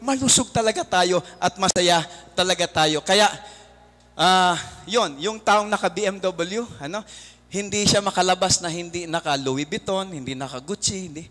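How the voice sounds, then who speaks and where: A Filipino man speaking from a stage at a motivational seminar, with a very high, bright and forceful voice. He keeps firing rhetorical questions at the crowd and tells stories with energy. A long reverb from a large hall trails his words. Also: moderate pace. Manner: quizzes the audience with rhetorical questions; lively storyteller. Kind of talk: motivational seminar talk mixing Tagalog and English.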